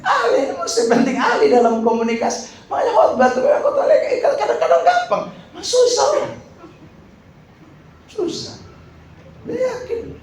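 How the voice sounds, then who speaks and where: A man, a pastor teaching how to preach, animated and joking as he acts out examples. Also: extremely high pitch, moderate pace, pauses often. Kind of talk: lively teaching talk to an audience. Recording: echoey room, faint background ambience.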